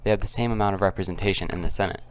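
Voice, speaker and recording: A man hosting a casual, unscripted commentary video, keeping his voice quiet and subdued and talking in a halting, repetitive way. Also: low-pitched, steady tone. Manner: kept quiet, subdued because others are nearby. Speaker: political commentary video host. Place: at home, others nearby.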